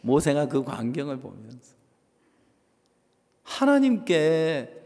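A man preaches a sermon in a church sanctuary, his voice pitched high and very animated. He swings between loud, stressed phrases and soft asides. Long reverb hangs in the hall around him. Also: slow pace, gravelly. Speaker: pastor.

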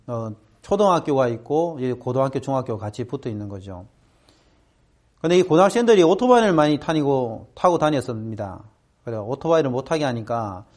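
A middle-aged man speaking to students, telling a personal story and acting out the voices of people in it. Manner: animated, acts out quoted voices with big pitch jumps. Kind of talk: storytelling talk.

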